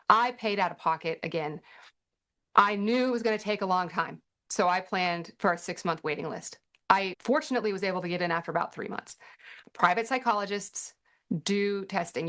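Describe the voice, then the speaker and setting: A woman's voice: on the low side, pushed and bright. A middle-aged woman hosting a parenting workshop, answering questions in a chatty way with dry sarcastic asides. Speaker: workshop host and parent advocate. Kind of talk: casual teaching Q&A.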